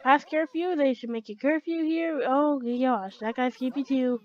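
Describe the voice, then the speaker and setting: Woman gamer host, high voice, chatty self-talk over play, muffled lo-fi recording. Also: unhurried. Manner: chatty, talks to herself and to game characters. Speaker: gaming channel host. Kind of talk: let's play commentary.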